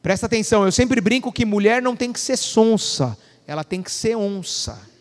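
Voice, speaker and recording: A man preaches in a strikingly high voice, throwing questions at his congregation and waiting for answers. His voice rings with long reverb through a church hall. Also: animated, normal speed. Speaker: pastor. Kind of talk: sermon.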